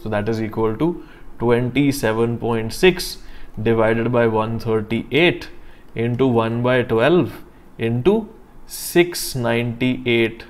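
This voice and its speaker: A man with a North Indian accent gives a live online lecture at a middle pitch. He explains deliberately, one step at a time, restating points and asking short questions to check that students follow. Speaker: chemistry teacher.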